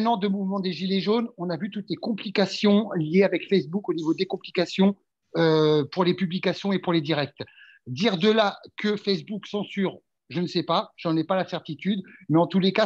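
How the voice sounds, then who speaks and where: Guest man, husky and slightly high, careful hedging talk, lo-fi call audio. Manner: careful, hedging, restarts with "alors". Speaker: guest on a live web show. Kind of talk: measured conversational answers.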